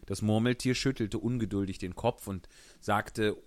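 A man's voice: lowish voice, fairly even intonation, normal speed, no echo. A man narrating a storybook in scripted audiobook style.

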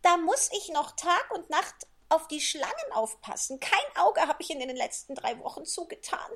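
A frantic mother pigeon in a storybook shrieks her complaints in a very high, shrill voice that swoops wildly up and down. She is fussy and endlessly scolding, as a man acts her out. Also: sing-song, normal speed, background noise, full character voice. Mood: aggrieved scolding. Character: fretful shrill female pigeon guarding eggs.

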